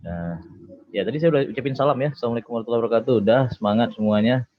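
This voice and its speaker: A man, a doctor, giving an online seminar talk in a relaxed conversational way, with many filler sounds and tag words. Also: mid-range voice, very fast, highs cut off, slight background noise.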